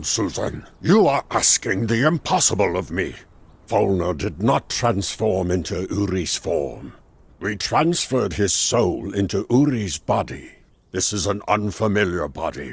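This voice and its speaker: A deep, husky wise mage. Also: male voice, exaggerated voice. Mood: firm. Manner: measured, explanatory. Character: wise calm male mage, patient explainer. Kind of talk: game cutscene dialogue.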